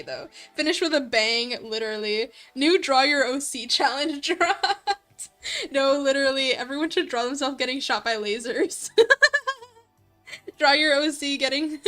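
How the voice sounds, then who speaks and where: A livestream host with a high, bright voice chats casually with her viewers. She giggles, gushes, and leans heavily on slang while light music plays softly in the background.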